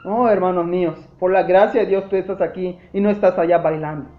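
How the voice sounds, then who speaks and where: A man's voice: high voice, steady tone, fairly quick, roomy sound, phone-quality sound. A man preaching a sermon as pastor, with an impassioned delivery that keeps addressing the congregation directly. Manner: impassioned preaching, often calling out "hermanos". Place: church.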